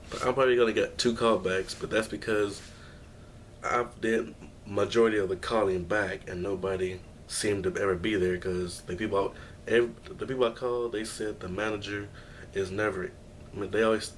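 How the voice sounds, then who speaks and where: Young guy ranting to his camera at home, low voice, rambly and down, bit of hum. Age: young adult. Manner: rambling, downbeat, with frequent restarts and sighs. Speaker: vlogger. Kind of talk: personal rant vlog. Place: at home, indoors.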